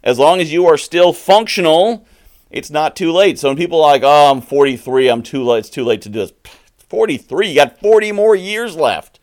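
A man's voice: a little high, lively intonation, moderate pace, a little mellow. A middle-aged man hosting a podcast, delivering an earnest, emphatic motivational monologue. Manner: earnest, emphatic, advice-giving. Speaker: podcast host.

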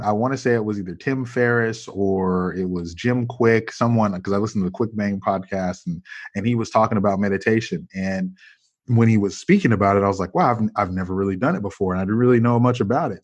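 Male podcast host, low voice, affirming and upbeat, dry close sound. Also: no echo. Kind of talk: casual podcast interview.

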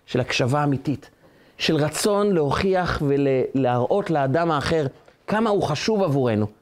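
A man's voice: fairly high pitch, animated. A man, a rabbi giving a Torah lesson, who tells stories with animation and asks rhetorical questions.

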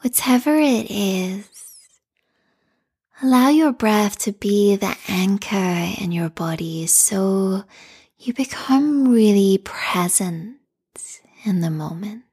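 Calm, meditative woman, very slow and breathy. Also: mid-range voice. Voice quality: soft, breathy, whispery. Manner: calm, meditative, soothing delivery. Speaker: guided meditation host. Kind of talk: guided meditation.

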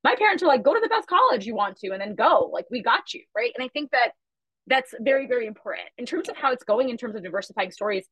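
In a dry, rough-sounding recording, a woman with a fairly high voice and a breathy edge speaks on a casual podcast. She's a media company founder whose first language is Chhattisgarhi, and she tells fast, emphatic, animated stories about her company and upbringing.

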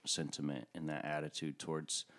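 Deep-voiced reflective male podcast host. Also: little pitch movement, moderate pace, a bit bright. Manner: earnest and reflective, sometimes joking. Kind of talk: casual interview chat.

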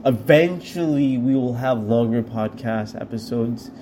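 A man's voice: medium pitch, a little slow, warm tone, slight background noise. A man co-hosting a casual podcast chat, playful and joking as he rambles. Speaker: podcast co-host.

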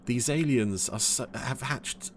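A man's voice: mid-range voice, slow, slight background noise. A man giving casual, humorous commentary on an episode, with dry, hesitant asides.

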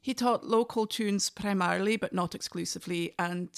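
A woman with a Highland Scottish accent, chatting reflectively and telling anecdotes as a podcast guest. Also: normal speed, gravelly, clear, resonant tone. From Inverness, north of Scotland. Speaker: podcast guest, fiddle player. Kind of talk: casual interview conversation.

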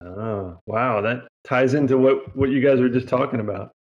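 A man's voice: medium pitch, normal speed. A man co-hosting a casual podcast, laid-back and a little teasing. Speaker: podcast co-host. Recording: dull lo-fi, faint music behind.

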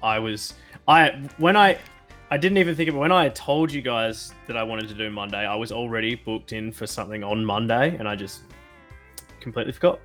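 A man's voice: medium pitch, brisk, a bit bright, faint music behind. An Australian man co-hosting a casual chat with friends, joking in a self-deprecating way. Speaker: podcast co-host. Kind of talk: casual banter among friends.

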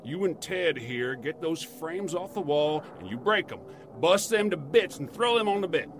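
Over noticeable background noise, a gruff veteran motel keeper in a horror-comedy audio drama. He is middle-aged and world-weary, grumbling in terse, folksy phrases with lively swings of pitch. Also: normal speed. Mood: gruff, urgent. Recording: clear background ambience noise.

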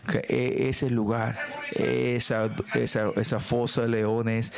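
A man delivers a sermon at a church service, pausing over scripture readings and tossing in frequent tag questions and fillers. His voice sits at an ordinary middle pitch. The congregation can be heard clearly around him. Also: flat delivery, a crowd in the background. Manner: reads scripture slowly and deliberately. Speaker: preacher.

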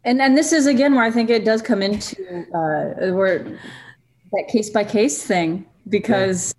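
A woman with a mid-range voice speaks in a casual panel discussion. She is thoughtful and measured, working through her reasoning one step at a time. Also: medium pitch, a little mellow, a little hiss or hum.

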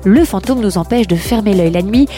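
A woman's voice: medium pitch, fairly quick, dark tone, faint music behind. A woman presenter delivering scripted explanatory narration.

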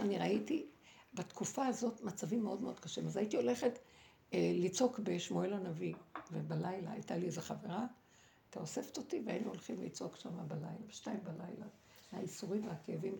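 A woman's voice: lowish voice, gravelly, mellow, a little hiss or hum. A middle-aged woman giving an impassioned religious talk mixed with personal testimony, dramatic and exhorting, with fillers and restarts. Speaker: religious speaker and former seminary head.

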